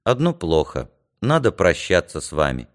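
A man doing a lanky, gentle young man in a spoken storybook, his voice low and soft. He speaks slowly, hesitant and kind. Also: wildly swooping pitch. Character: tall, gentle young man saying goodbye.

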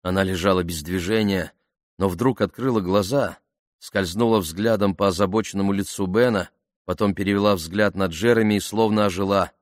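A man reading an audiobook in a measured, even storytelling manner. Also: low-pitched, no echo, studio quality. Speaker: narrator. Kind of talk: scripted audiobook narration.

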